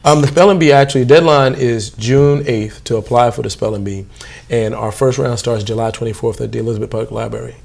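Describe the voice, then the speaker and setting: Man, gravelly, relaxed guest, easygoing interview talk. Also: medium pitch, fairly quick, hardly any pauses. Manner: relaxed, informal, many fillers. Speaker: youth program staff guest. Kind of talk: casual interview.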